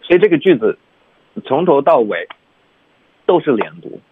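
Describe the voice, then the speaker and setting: A man's voice: medium pitch, sing-song, moderate pace, slight background noise. A man teaching English pronunciation on a radio lesson, explaining patiently step by step. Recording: tinny phone-like dry sound.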